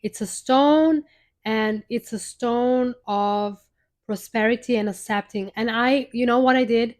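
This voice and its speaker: A woman's voice: a little high, unhurried, darkish tone. Young woman telling a rambling heartfelt story. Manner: rambling, heartfelt, many restarts. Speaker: live stream host. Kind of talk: casual personal storytelling.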